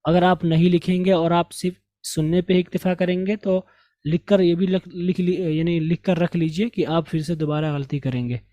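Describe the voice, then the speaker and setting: A man, teaching English reading, who reads slowly and repeats words over and over to correct their pronunciation. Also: high voice, fairly even intonation, mellow, dry recording. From India. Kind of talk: reading lesson with pronunciation drills.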